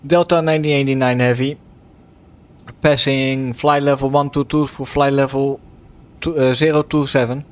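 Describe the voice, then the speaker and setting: A man making pilot radio calls in clipped aviation phrasing, reading back clearances with small hesitations, slightly muffled. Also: medium pitch, little pitch movement, moderate pace. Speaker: flight sim streamer.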